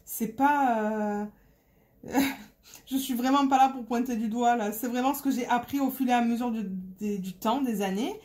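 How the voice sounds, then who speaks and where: A woman's voice: on the high side, normal speed, darkish tone. A woman from Marseille with a Marseille accent, chatting casually to her phone in a vlog, rambling and searching for words. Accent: Marseille French. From Marseille, France. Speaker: diamond painting vlogger. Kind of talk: casual chat to camera.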